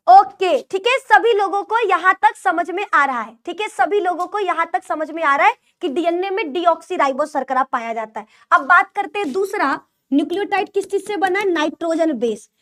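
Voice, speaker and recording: A young woman teaching biology online in Hindi with an eastern UP-Bihar lilt. Her voice sits very high. She repeats each point and quizzes her students as she goes. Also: normal speed, fairly bright tone. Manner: repetitive, call-and-response teaching with mnemonic jokes. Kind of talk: online class lecture.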